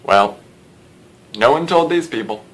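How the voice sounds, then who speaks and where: A man giving a recorded lecture as a teacher, explaining with dry, sarcastic asides and lively emphasis. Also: mid-range voice, measured pace, rough recording. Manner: lively, shifting pace and emphasis.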